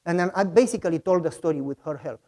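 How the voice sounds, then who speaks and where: A man's voice: fairly high pitch, quick pace, dark tone. A pastor preaching to his congregation in a storytelling way. This man acts out each quoted line with dramatic flair. His English has small grammar slips, as from a speaker who is not native. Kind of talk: sermon storytelling.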